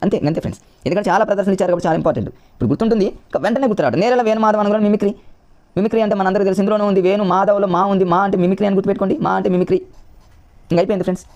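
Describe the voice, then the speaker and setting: A man's voice: sits high, a little mellow. A man coaching exam candidates, explaining memory tricks in a repetitive, coaxing way and often calling his viewers friends. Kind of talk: rapid classroom-style explanation.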